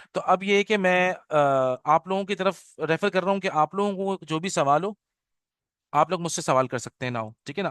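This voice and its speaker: A man's voice: a little high, fairly bright tone, clear, resonant tone, dry recording, studio quality. A middle-aged man teaching an online class orientation, switching between Urdu and English and checking in with his students often. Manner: mixes English into Urdu, keeps checking with "okay?". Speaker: Arabic teacher. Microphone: video call.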